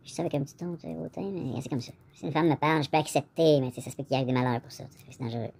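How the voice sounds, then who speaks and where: Mid-range and darkish, his voice races through a casual vlog monologue in a Québécois French accent. The vlogger rambles, talks directly to the viewer, and says "là" often.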